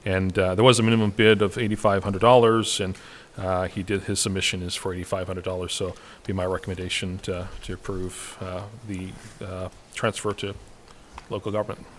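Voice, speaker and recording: A man's voice: low voice, little pitch movement, a little fast, slight background noise. A man from the municipal staff reporting to a council meeting, hesitant and full of fillers. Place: council chamber.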